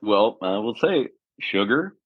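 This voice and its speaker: A low-pitched man talks in casual podcast chat, laughing easily and laying out his points patiently. The sound is dry and close, with no room around him. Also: very animated, slow pace, breathy edge, dry recording, muffled recording. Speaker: podcast guest.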